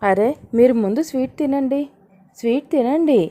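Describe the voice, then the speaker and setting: A woman's voice: sits high, moderate pace, dark tone, voice pushed up, close to an everyday voice. A woman voicing a bold, scheming young woman who talks in a pushy, commanding way.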